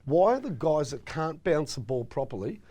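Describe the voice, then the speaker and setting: A man's voice: a little high, very animated, moderate pace, dark tone. A middle-aged Australian man co-hosting a casual football chat show, opinionated and emphatic as he tells stories. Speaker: co-host.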